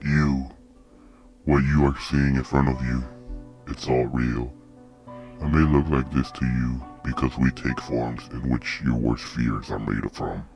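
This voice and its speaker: A man voicing an ancient, menacing demon creature with a deep, demonic, distant-sounding voice and slow, threatening delivery. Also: steady tone, vocal fry, a little mellow, faint music behind, exaggerated voice.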